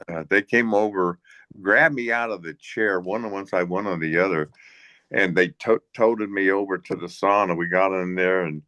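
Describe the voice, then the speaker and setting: A man being interviewed as a hunting guide, telling a casual story in a rambling, halting way with many restarts and chuckles. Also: deep voice, a bit bright, dry recording. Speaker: guest, hunting guide and bush pilot.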